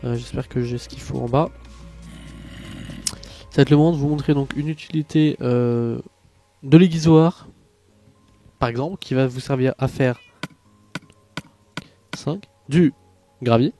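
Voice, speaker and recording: A man's voice: medium pitch, unhurried, pauses often, mellow, soft background music. A tired man narrating a game tutorial in a casual, rambling way, full of hesitations and asides. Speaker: Minecraft tutorial youtuber.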